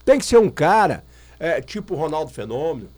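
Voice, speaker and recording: A man's voice: a little high, sing-song, a little fast, darkish tone. A man from Brazil talking football on the radio as a guest, emphatic and opinionated, repeating his points. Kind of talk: casual radio chat.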